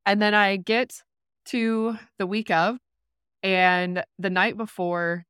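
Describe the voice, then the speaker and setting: With a mid-range, slightly bright, clear and resonant voice, this woman speaks slowly and in a steady tone; the studio recording has no room sound. She's a rural business owner on a podcast, candidly sharing a story with animation, frequent "like" fillers and acted-out quotes.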